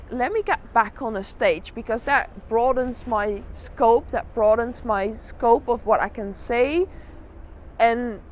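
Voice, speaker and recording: Woman drag artist chatting in an interview, highish voice, emphatic, bit of traffic noise outside. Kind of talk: candid interview, reflective personal storytelling. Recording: noisy outdoor urban spot with traffic.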